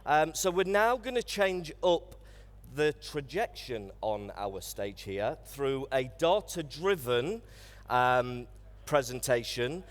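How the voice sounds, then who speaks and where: A man hosting a conference stage, introducing the next speaker in a relaxed way with a few ums. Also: medium pitch, slow. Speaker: stage host. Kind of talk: event introduction. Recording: reverberant hall.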